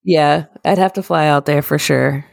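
A woman's voice: sits low, steady tone, moderate pace, creaky, no echo, studio quality. A young woman co-hosting a podcast, chatting casually and rambling through a story with loose, profane asides. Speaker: podcast co-host. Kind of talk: casual chat.

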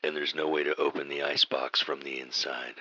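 A radio-play supervillain with a bottomless, hard-edged voice. He is pompous and easily exasperated, delivering slow theatrical menace in a close, dry, slightly dull recording. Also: rumbling low, little pitch movement, sharp tone, exaggerated voice. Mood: smug menace. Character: pompous, exasperated male villain mastermind of evil professorial henchmen. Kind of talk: comic radio drama acting.

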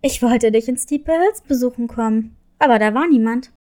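A woman's voice: a little high, a little fast, pitched below the performer's own voice, natural voice. A woman voicing a strong, proud grown male cat who is a loving father, in a children's story. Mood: fatherly. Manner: warm, confident, boastful. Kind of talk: storybook reading.

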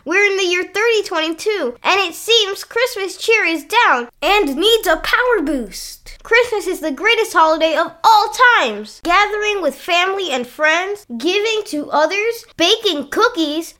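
A woman's voice: very high voice, exaggerated voice. A woman voicing an upbeat young cartoon hero who leads a team. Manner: energetic, bossy team leader.

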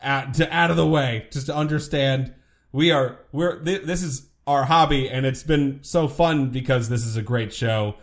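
A man's voice: mid-range voice, moderate pace. Jokey man co-hosting a podcast. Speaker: podcast co-host. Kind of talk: casual chat.

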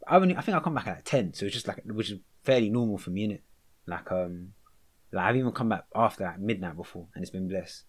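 Young London man, lowish voice, telling stories. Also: fast, husky. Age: young adult. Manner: slang-heavy, animated storytelling. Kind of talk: casual chat, storytelling.

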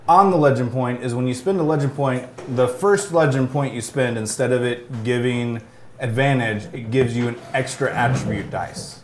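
A man's voice: mid-range voice, moderate pace. Man explaining game rules, echoey room. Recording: roomy echo, faint noise.

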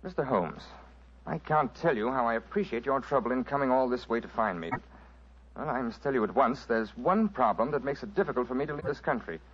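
Actor playing genial blasé exiled gentleman, English accent, chatty, animated, muffled vintage radio. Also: medium pitch, fairly quick, a little hiss or hum, natural voice. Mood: suave, genial. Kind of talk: 1940s radio drama acting. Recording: dull old radio recording.

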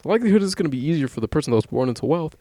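Fast as a race and fairly high-pitched, this young man's animated voice has a dark tone. He's a podcast co-host in a casual chat, rambling, swearing often and laughing frequently. The studio sound is clean and dry.

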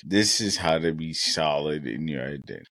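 A man's voice: a bass voice, lively intonation, normal speed, gravelly, fairly bright tone, dry recording. A young man co-hosting a casual podcast, talking in an earnest, reflective way and thinking aloud with many fillers. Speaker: podcast co-host.

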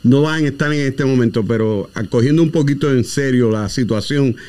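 A man's voice: medium pitch, brisk, mellow. A man, the show's founder, giving a grand, speech-like address in a casual podcast chat.

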